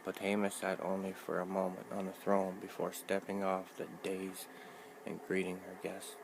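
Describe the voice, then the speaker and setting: Low gravelly male audiobook narrator. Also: monotone, normal speed, noisy background. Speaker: reader.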